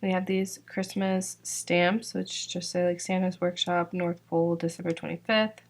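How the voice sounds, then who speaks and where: A young woman from Georgia casually walks through her sticker shop's new releases at a moderate pace. Her lowish voice is flat in delivery and slightly worn, and she chats with frequent "like" and "um."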